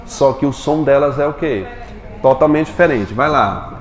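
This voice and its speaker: A man with a Brazilian Portuguese accent teaching a classroom lecture and quizzing his students with quick questions. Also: medium pitch. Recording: echoey classroom with long reverb, faint noise.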